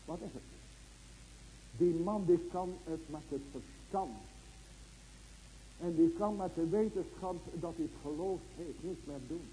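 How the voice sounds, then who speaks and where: A man preaching a sermon, asking emphatic rhetorical questions and swinging from loud, urgent lines to hushed ones. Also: fairly high pitch, unhurried, long pauses, slight background noise, poor audio.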